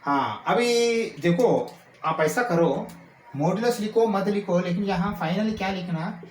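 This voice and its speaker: Male maths teacher, high voice, slow-paced explanations, roomy echo with faint background hum. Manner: checks in often with rhetorical questions; slows down to dictate formulas. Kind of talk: explaining calculus while writing. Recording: echoey room with faint ambient noise.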